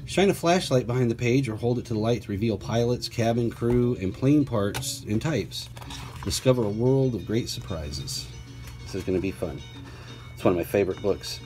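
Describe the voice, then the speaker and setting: A man reads a children's picture book aloud, clear and deliberate, tossing in chatty asides and playful questions for young listeners. His medium-pitched voice is animated and warm, with faint music behind.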